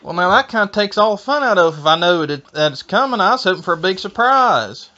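A man on a phone call, talking in a folksy way and playing naive and slow-witted with a straight face. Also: high voice, animated, pushed and bright. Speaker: prank call recipient. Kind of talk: deadpan phone prank. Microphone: telephone. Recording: muffled telephone call audio.

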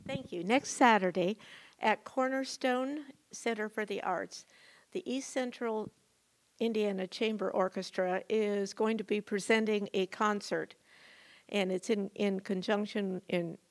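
A woman's voice: mid-range voice, measured pace. A woman earnestly announcing a concert and leading a call to worship in a church, with a little hesitation. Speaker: church member and orchestra musician. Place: church sanctuary, indoors.

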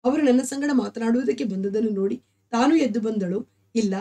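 Mellow-voiced woman reading a story aloud. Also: on the high side, normal speed.

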